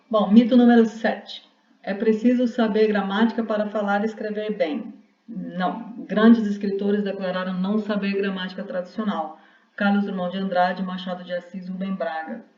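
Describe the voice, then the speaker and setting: A woman's voice: mid-range voice, little pitch movement, moderate pace, mellow. Distant, roomy woman lecturing. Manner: explanatory, with many restarts and rhetorical "né?". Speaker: university lecturer. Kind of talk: online class lecture. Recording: roomy, distant, dull lo-fi sound.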